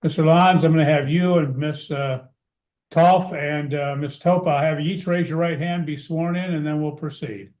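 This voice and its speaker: A man's voice: on the high side, fairly even intonation, normal speed, darkish tone. A man speaking as a judge in formal court proceedings, putting questions in procedural, formulaic wording, with a roomy echo. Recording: roomy, echoing sound.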